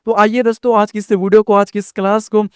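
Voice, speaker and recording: A man's voice: high-pitched, flat delivery, brisk, clean tone, dry recording, clean studio sound. A man teaching viewers a lesson, often checking in with the class and stretching out vowel sounds to show pronunciation. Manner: repetitive, checks in with "ठीक ना" often. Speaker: online tutor.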